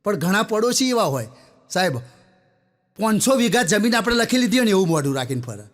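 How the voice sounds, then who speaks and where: A man's voice: sits high, big pitch swings, brisk. A man doing a stand-up comedy set, chatting with the audience and telling joke stories, acting out the characters. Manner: chatty, addresses the audience as sir, acts out characters. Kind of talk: stand-up jokes and storytelling.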